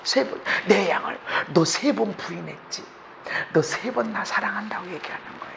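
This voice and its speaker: High-voiced, gravelly pastor preaching dramatically. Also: male voice, normal speed, in a whisper. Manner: dramatic, swinging from hushed murmurs to shouts. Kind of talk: sermon. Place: church sanctuary. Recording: dull, faintly noisy church recording.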